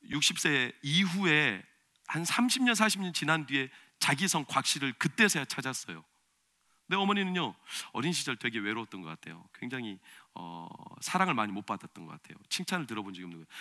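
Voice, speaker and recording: A man preaching a sermon as pastor, swinging between loud, emphatic preaching and quiet, confiding storytelling. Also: mid-range voice. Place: church sanctuary.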